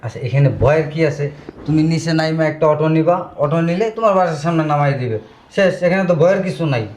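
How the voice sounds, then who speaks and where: A man's voice: a little high, fast talker, a little mellow, lightly acted. A man playing a pushy, selfish young fiancé, insistent and dismissive. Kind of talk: amateur short-film acting.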